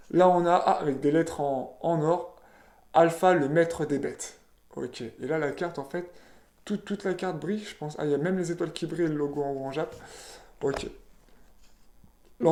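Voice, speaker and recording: Opening trading card packs for his video, the host talks casually and reads each card name aloud, peppering it with "voilà" and "ok." His pitch is fairly high and his tone a little mellow, and the recording has a roomy echo.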